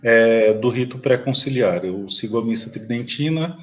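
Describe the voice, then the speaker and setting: A Brazilian lawyer in a heated political live chat, blunt and combative, swearing at viewers. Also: male voice, mid-range voice, normal speed, highs cut off, a crowd in the background. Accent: Brazilian Portuguese. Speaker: lawyer, live stream guest.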